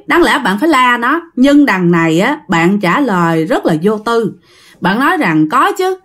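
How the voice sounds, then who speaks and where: Speaking in a somewhat high voice, a Southern Vietnamese woman recounts a ghost story conversationally and frequently turns to talk straight to her audience.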